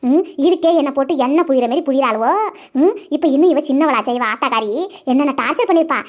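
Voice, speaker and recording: A woman's voice: sits high, quick pace, dull audio. A woman, voicing quarrelsome, gossiping village women in a cartoon comedy.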